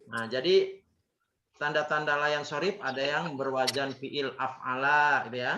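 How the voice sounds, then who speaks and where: An Islamic teacher with a mid-range, fairly evenly intoned voice leads an Arabic grammar class at a slightly slow pace, drilling students through call-and-response repetition and quizzes. The recording is echoey and dull, with faint background noise.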